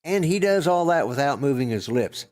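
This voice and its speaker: An older man co-hosting a podcast, chatting casually in a gruff, rambling way with lots of fillers and restarts. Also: on the high side, lively intonation, normal speed, darkish tone. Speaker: podcast co-host. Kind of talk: casual chat.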